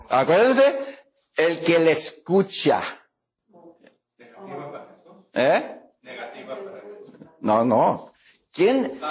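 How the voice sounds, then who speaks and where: Slow halting male Bible teacher. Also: high voice. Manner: halting, many fillers and rhetorical questions to the class. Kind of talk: classroom lecture.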